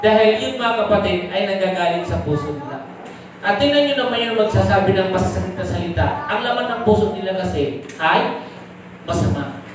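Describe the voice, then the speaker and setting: A male pastor preaches a live sermon, his voice pitched notably high for a man. He keeps asking the congregation rhetorical questions and slips into English for key points. The sound rings around a very reverberant church hall, picked up from a mic well away from him. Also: animated, fairly quick, noisy background. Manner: switches into English for summary points. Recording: very echoey live church recording from a distant mic.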